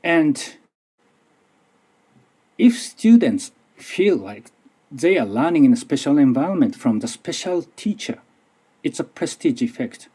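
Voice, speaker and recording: At a conference, a middle-aged Japanese university lecturer presents in accented second-language English. His slightly high voice is dark, husky and very animated, at a measured pace with long pauses. He is careful but a bit nervous, restarting often.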